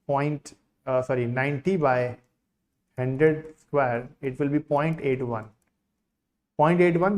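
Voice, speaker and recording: A man with an Indian accent, an online teacher, giving an insistent, repetitive sales pitch to his live class. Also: darkish tone. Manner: insistent sales pitch, repeating key phrases.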